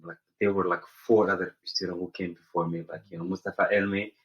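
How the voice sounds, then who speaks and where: A young man from Somaliland, a college senior, answering interview questions earnestly and often pausing to search for words. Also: sits low, little pitch movement, dull audio. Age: young adult.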